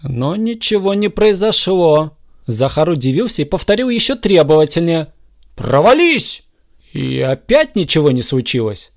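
A man narrating an audiobook in a lively, expressive storytelling manner. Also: fairly high pitch, normal speed, gravelly.

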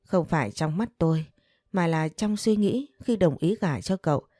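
A woman narrating a romance story in a calm, even reading voice. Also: on the low side, normal speed, no echo. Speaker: audiobook narrator.

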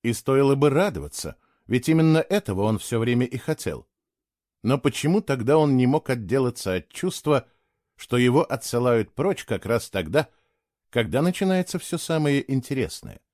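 A man reading an audiobook in expressive scripted narration. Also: mid-range voice, moderate pace, dry recording, clean studio sound. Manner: expressive storytelling.

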